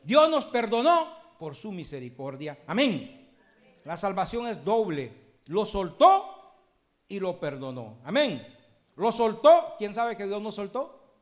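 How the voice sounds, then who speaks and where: High-pitched preacher guy, gets loud then drops real quiet. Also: sing-song, takes it slowly. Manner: preaching with sweeping swings from loud shouts to hushed low lines. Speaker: pastor. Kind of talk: sermon.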